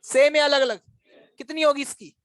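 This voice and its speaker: A male physics teacher giving a classroom lecture, constantly quizzing his students with quick questions and teasing them to check they follow. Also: extremely high pitch, steady tone, a bit bright, no room sound. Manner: coaxing, teasing.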